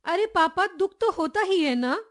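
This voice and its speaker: Woman doing a whiny excited little girl in a school story, goes up high. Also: a little slow, heavily acted. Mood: sulky.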